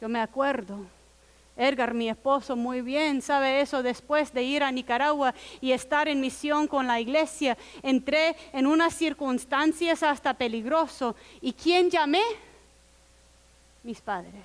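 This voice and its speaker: A woman's voice: high voice, unhurried. A woman pastor preaching a sermon in an earnest, personal storytelling manner. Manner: earnest, personal storytelling with quiet quoted asides.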